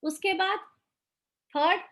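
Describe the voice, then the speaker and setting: A woman's voice: extremely high pitch, fairly even intonation, slow pace, pushed and bright. A middle-aged woman teaching a live online class who keeps putting questions to her listeners and acts out everyday quarrels as she explains. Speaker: motivational teacher.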